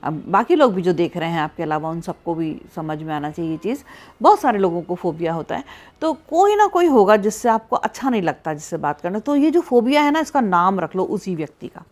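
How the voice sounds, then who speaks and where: A woman's voice: fairly low pitch, sing-song, a little fast, a little mellow. A middle-aged woman psychologist speaking directly to the listener, coaching them step by step through their fear. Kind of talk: advice talk to camera.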